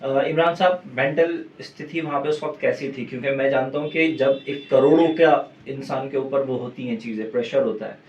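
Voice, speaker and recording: A male interview host asks questions in a mid-pitched voice and nods along with short affirmations. He sounds far from the mic in a roomy office, and the audio is slightly dull. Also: brisk, few pauses, slight background noise. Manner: attentive, frequent brief affirmations.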